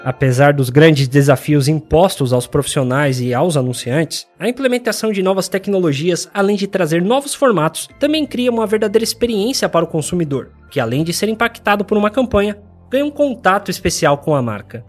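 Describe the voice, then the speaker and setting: A host narrating a scripted podcast segment and introducing guests in a measured way. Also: medium pitch, lively intonation, faint music behind.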